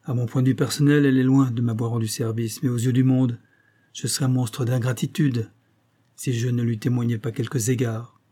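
A man's voice: mid-range voice, fairly even intonation, fairly quick, warm tone, lightly acted. A man reading a young anguished engineer. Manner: strained, pleading.

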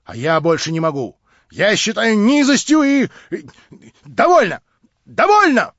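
An agitated young man, nervous and indignant, as a male reader voices him, in a storybook reading. His protests come out in loud, breaking outbursts with a wide, lively pitch. The audiobook sound is dry and a little dull. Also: moderate pace, no echo.

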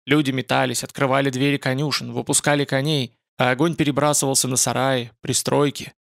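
A man narrating a fantasy novel as an audiobook in steady storytelling. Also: medium pitch, brisk, gravelly, no echo, clean studio sound.

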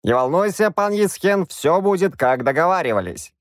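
A man's voice: sits high, lively intonation, normal speed, no room sound, studio quality, voice pushed up. A man voicing a hesitant, fussy old court wizard. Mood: eager.

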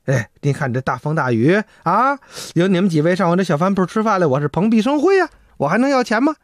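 A man's voice: sits high, big pitch swings, fast, dry recording, studio quality. A man voicing a timid, fawning old innkeeper who stammers and pleads. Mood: pleading. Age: older.

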